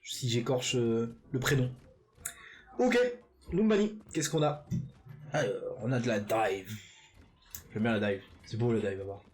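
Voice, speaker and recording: A man's voice: medium pitch, darkish tone. A man casting a live esports match, chatty and loose, filling gaps with fillers and fixing his own slips as he goes. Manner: chatty, full of fillers and quick self-corrections. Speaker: esports caster. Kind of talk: live game commentary.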